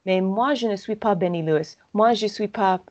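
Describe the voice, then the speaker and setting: A woman's voice: mid-range voice, moderate pace, a little mellow. A woman speaking French with an American accent as a non-native English speaker, hesitant and searching for words with many fillers. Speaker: language learner guest. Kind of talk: halting conversational French. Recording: dull lo-fi audio.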